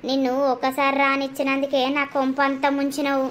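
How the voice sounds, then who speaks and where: A woman's voice: high-pitched, monotone, a little fast, a bit bright. A woman voicing an angry, jealous village wife in a cartoon comedy, scolding and accusing in a Telangana Telugu accent. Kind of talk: animated village comedy voice acting.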